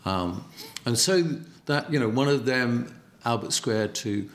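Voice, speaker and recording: A man's voice: medium pitch, unhurried. A middle-aged man with a Cockney accent, reflecting as an interview guest and often repeating words as he searches for them. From East End of London.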